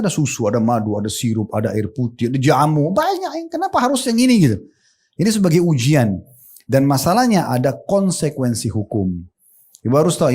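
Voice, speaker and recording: A man's voice: mid-range voice, darkish tone, slightly rough. A man giving a conversational sermon to a study group, addressing listeners directly and acting out their replies. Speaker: preacher.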